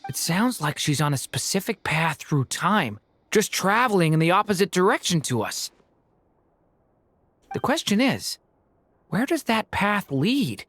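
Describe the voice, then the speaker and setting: A curious young woman with a lowish voice that moves lively up and down. She sounds inquisitive. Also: a little slow, long pauses, no echo, faint music behind. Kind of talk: video game voice acting.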